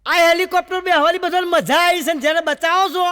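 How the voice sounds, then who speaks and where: A man with a Gujarati accent telling jokes on stage, animated and playing the people in his stories. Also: very high voice, fast talker, in a large hall. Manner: animated storytelling, voicing characters in dialogue. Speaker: stand-up comedian.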